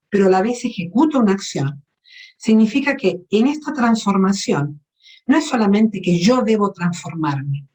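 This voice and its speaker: A woman's voice: mid-range voice, darkish tone, poor audio. A woman preaching a teaching sermon at a women's meeting, asking her listeners questions and explaining Greek words.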